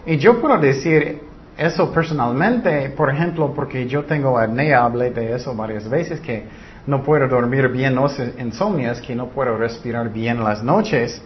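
An earnest man teaching a Bible study, lifting his voice to stress points. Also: moderate pace. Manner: earnest, rises in pitch when stressing points. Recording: slightly dull recording with faint noise.

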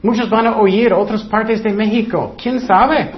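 High-voiced man preaching a sermon. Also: fairly even intonation, unhurried, lo-fi sound. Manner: plain, repetitive preaching with acted-out quotes.

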